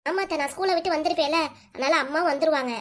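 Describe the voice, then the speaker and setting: A woman voicing a high, bright little schoolgirl. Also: quick pace. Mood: calm. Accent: southern Tamil Nadu. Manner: gentle, obedient replies. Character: polite, calm little schoolgirl.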